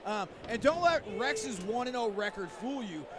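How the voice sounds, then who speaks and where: A man's voice: extremely high pitch, animated, normal speed. A man giving analytical color commentary during a live mixed martial arts fight. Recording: loud crowd at live venue.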